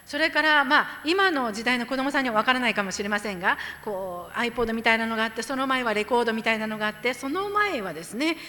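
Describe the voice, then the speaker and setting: A woman interpreting a sermon phrase by phrase, lively and expressive as she restates each line for the congregation. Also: on the high side, fast, hardly any pauses. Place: church hall. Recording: echoey hall.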